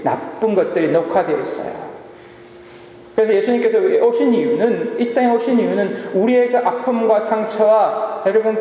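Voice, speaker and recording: A man's voice: sits high, dark tone, slight background noise. A male pastor preaching a sermon in a church, often asking the congregation questions and answering them himself. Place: church sanctuary. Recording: echoey church hall with long reverb.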